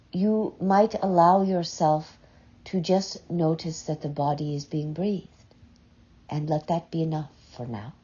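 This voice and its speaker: A woman leads a slow, soothing guided meditation in a mellow, dark, husky voice that sits on the low side. She speaks softly and very slowly, with long pauses between short, gentle phrases, and the recording sounds slightly muffled.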